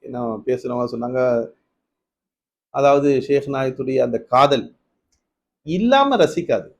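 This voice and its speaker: A man giving a Ramadan night sermon, telling stories, asking his listeners questions, rising to emphatic peaks and then dropping low. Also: very animated, measured pace, dull audio. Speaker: preacher.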